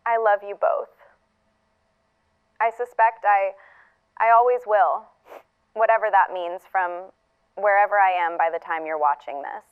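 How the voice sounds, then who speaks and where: An actress speaks at medium pitch with a smooth voice and fairly even intonation, playing a wry and tender middle-aged woman. Her character's last goodbye, a recorded message in an audio drama, comes out reflective and halting, filtered so it sounds thin, like phone playback.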